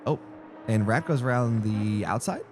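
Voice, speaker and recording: A man's voice: medium pitch, expressive, normal speed, background noise. Chatty young man streaming race commentary. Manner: rambling, distracted, jokey. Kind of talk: casual live-stream commentary. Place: home streaming setup.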